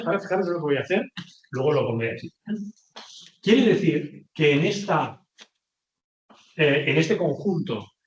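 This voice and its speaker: A man lecturing to a class, speaking in a somewhat high voice. He explains step by step and keeps pausing to check that the students follow. His voice rings with the echo of a roomy classroom. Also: lo-fi sound. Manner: explains patiently, often checks in with "ok?". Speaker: teacher.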